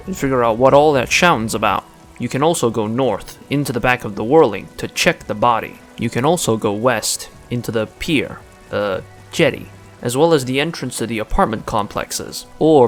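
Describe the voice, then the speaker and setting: A man's voice: medium pitch, a bit bright. A man hosting a video essay in scripted commentary, sarcastic and joking.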